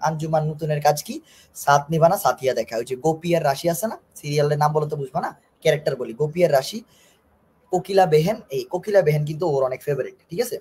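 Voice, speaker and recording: A man with a Bangladeshi Bengali accent, hoarse from a sore throat, giving a live-streamed admission lesson, joking and teasing and repeating key phrases while reading student comments. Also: on the high side, a little mellow. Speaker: online admission coach.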